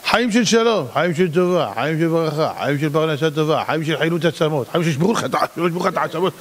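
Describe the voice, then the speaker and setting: A rabbi delivers a sermon in a voice pitched high for a man. He swings between loud outbursts and quiet pleading. The sound rings with the long reverb of a large hall. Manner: animated, swings between shouting and hushed pleading.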